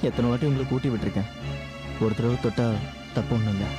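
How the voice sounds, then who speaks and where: A man voices a devoted caretaker pleading with quick, gentle urgency in a mid-range voice. film music swells clearly under him in this dubbed scene. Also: mid-range voice, steady tone, natural voice. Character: devoted older male caretaker pleading tenderly.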